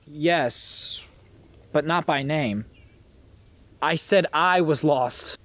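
A man's voice: a little high, very slow, fairly bright tone. An actor playing a polite, earnest ghost of a man lost since the 1950s, from Illinois, in a film drama. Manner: earnest, polite, old-fashioned.

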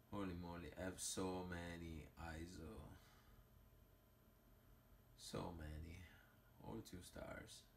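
Slow, sighing man with an Italian accent. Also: sits low, steady tone, gravelly, a little hiss or hum. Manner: slow, sighing, rambling with many fillers. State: tipsy. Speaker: mobile game vlogger. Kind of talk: casual commentary while opening game crystals.

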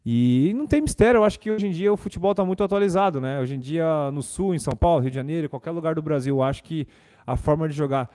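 A young Brazilian footballer sits at a desk mic in his club's press room, casually fielding reporters' questions with fillers and repeated words. His male voice runs fairly high and sounds warm, animated and fast.

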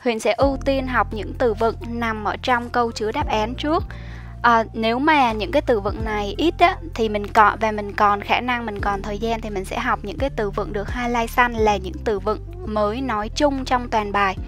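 A young woman explaining study tips as a teacher, in a chatty, explanatory way with soft fillers. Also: a little high, moderate pace. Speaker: IELTS teacher. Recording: soft music behind the voice.

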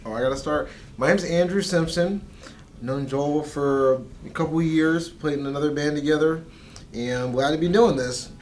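A man's voice: fairly high pitch, normal speed, a little hiss or hum. A young man in a band introducing himself in a casual, laid-back, joking way. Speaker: band member. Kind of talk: casual interview.

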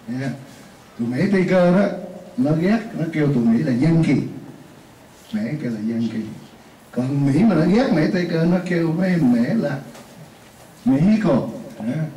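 A man's voice: fairly high pitch, warm tone. Distant, chatty man teaching a class. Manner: chatty, explains with repeated examples and asides. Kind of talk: classroom lesson. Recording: roomy, distant mic, faint hiss.

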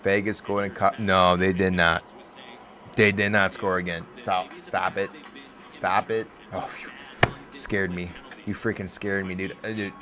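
A man hosts a live hockey watch-along, casually reacting to the game and chatting with viewers by name, often profane. He swings between low mumbling and sudden loud outbursts, speaking a little slowly with little pitch movement.

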